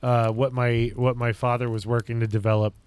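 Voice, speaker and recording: A man's voice: medium pitch, little pitch movement, brisk, darkish tone, clear, resonant tone. A man from upstate New York hosting a casual livestream, chatting with viewers and thinking aloud in loose, rambling sentences. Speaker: livestream host.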